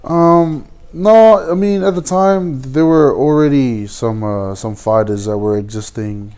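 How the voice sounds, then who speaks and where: A man in his twenties from Samoa, a guest pro boxer, talking in a halting way with many fillers and restarts. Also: mid-range voice, darkish tone, clean tone. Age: 20s. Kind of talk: casual interview.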